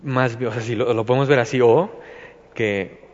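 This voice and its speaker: A man with a Mexican accent leads an informal Bible study, his speech looping through fillers and restarts. His voice sits at an ordinary pitch. The recording is muffled and carries a long, hall-like reverb. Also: fairly even intonation, moderate pace, darkish tone. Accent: Mexican Spanish. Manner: rambling, many fillers and restarts. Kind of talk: informal devotional talk.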